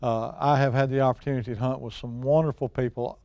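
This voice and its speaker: Casual hunting talk and storytelling come from a middle-aged or older man, an outdoors show personality appearing as a guest expert, whose manner is folksy and plain-spoken. His medium-pitched voice is mellow, quick, and fairly even in intonation, recorded with no echo.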